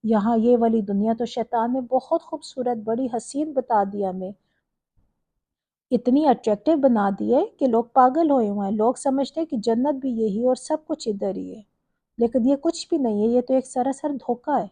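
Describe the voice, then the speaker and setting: A woman's voice: a little high, warm tone, slightly rough, dry recording. A woman giving a Quran commentary lecture, explaining verse by verse with small stumbles. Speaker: religious lecturer.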